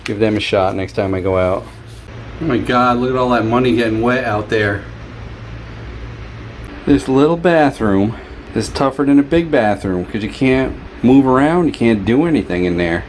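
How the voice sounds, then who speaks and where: A man with a mid-range voice, speaking at normal speed, offers casual, folksy vlog commentary on home repairs in short offhand remarks. It's captured on a handheld camera, so the audio is noisy with a background hum.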